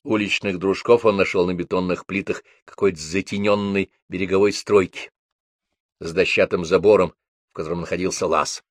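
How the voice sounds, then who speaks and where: Deep-voiced man reading a novel. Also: steady tone, moderate pace, dry recording. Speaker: audiobook reader. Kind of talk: scripted narration of a novel.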